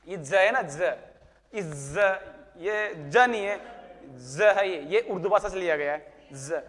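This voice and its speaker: A man teaching a classroom lesson, his voice pitched fairly high. He teases his students and keeps asking questions before answering them himself. The room gives his voice a long, ringing reverb. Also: expressive, slow pace, fairly bright tone. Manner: teasing, talks to students by name. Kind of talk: classroom history lecture.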